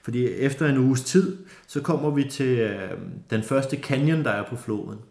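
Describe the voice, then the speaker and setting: In a room with noticeable echo, a man with a mid-range voice tells a lively, casual anecdote, full of fillers and restarts.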